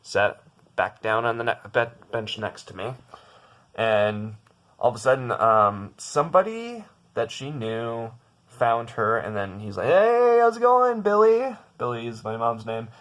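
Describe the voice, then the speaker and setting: A man's voice: fairly low pitch, unhurried, fairly bright tone. A young man telling a story about his bad day in a casual vlog from his bedroom, rambling and upset, with many restarts and fillers. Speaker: vlogger.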